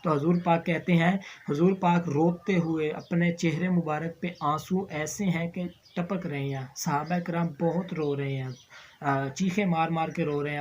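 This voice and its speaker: A man's voice: fairly high pitch, a little mellow. Earnest Pakistani man telling a moral tale. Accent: Pakistani Urdu. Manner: earnest, emotional preaching. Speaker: show host. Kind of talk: religious moral storytelling. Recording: slightly dull recording with faint background noise.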